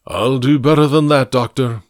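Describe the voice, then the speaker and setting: A man voicing a fat, genial, pompous older gentleman with a booming, patronizing lecturer's delivery in an audiobook reading. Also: normal speed, no echo, studio quality, natural voice. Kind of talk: audiobook character voice.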